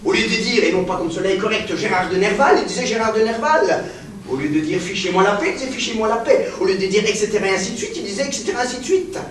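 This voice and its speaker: A man's voice: sits high, animated, fast, a crowd in the background. A male stage actor playing a pedantic, grandiose professor who lectures in a declamatory way and keeps addressing his pupil as "mademoiselle". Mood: pompous lecturing. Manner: declamatory, insistently repeats "mademoiselle". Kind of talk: stage play performance. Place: theater stage. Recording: echoey stage captured from far off.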